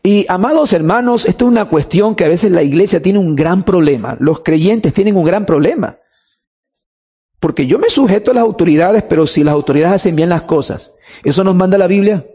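A man with a high, warm and slightly husky voice delivers a sermon. He speaks emphatically, slowing down to stretch key words and asking the congregation rhetorical questions. His voice rings with the long reverb of a large church hall. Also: lively intonation. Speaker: preacher.

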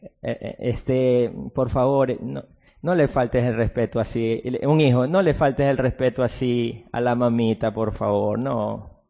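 A man's voice: mid-range voice, steady tone, gravelly. Male pastor preaching in a reverberant hall. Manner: preaching with sudden loud outbursts and drawn-out emphasis; acts out mocking soft-spoken quotes. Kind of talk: sermon. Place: church.

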